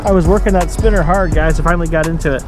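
A man hosting a fishing video, talking excitedly to viewers from a small boat on a river, recorded on an action camera outdoors with music playing under him. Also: a little high, very fast. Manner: excitable, shouts and laughs on catches. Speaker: fishing vlog host.

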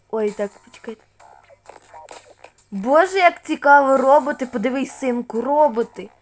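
A high, unhurried female voice carries a playful game role-play. She speaks softly and shifts between the parts of a cashier, a parent and an excited child, with faint music under her. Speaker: channel host playing all parts.

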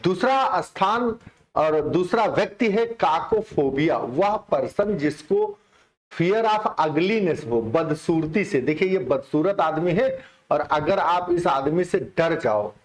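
A man's voice: on the high side, lively intonation, slow pace. Chatty man teaching vocabulary. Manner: explains in Hindi mixing English terms, chatty and repetitive. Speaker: English teacher. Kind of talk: online exam-prep lesson.

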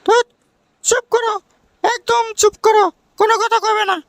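A woman voicing a nagging, dismissive young village sweetheart in a comic cartoon, with a colloquial Bangladeshi regional accent and a creaky voice. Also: very high-pitched, little pitch movement, normal speed. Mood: annoyed, scolding. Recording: music under the voice.

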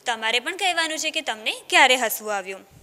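Bright-voiced woman teaching children. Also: high voice, lively intonation, quick pace, in a large hall. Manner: speaks directly to children, asking them questions. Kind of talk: reading a story aloud and teaching young children.

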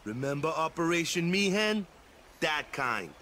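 A man's voice: a little high, big pitch swings, unhurried, sharp tone, slight background noise, exaggerated voice. An actor playing a cheerful young male island athlete who tags "yeah?" onto his sentences, with game music behind. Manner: easygoing, ends sentences with "yeah?".

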